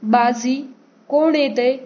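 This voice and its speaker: A woman reader voicing an arrogant, drunken male chieftain who mocks and shouts at an envoy. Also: high voice, takes it slowly, muffled recording. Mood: sneering. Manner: sneering, mocking, shouting.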